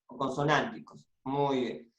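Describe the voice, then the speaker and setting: A teacher leading an online class over a video call, speaking slowly and deliberately while coaxing answers from the students. The voice sits at an ordinary pitch. The sound is roomy, with a clear echo around it. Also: fairly even intonation, a bit bright. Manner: patient, repeats and prompts students.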